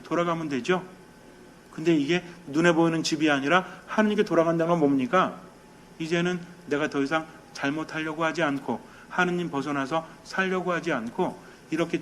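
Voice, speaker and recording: Lively Korean priest preaching a homily. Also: male voice, fairly high pitch, a little hiss or hum. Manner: lively and conversational, questions the congregation, mimics quarrels; drops to a soft, quiet tone for meditation. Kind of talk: sermon.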